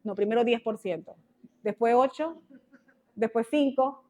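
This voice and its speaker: A woman, teaching a women's ministry sermon through an animated personal story with exclamations and quoted prayers. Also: a little high, a little slow. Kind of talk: testimony-style sermon.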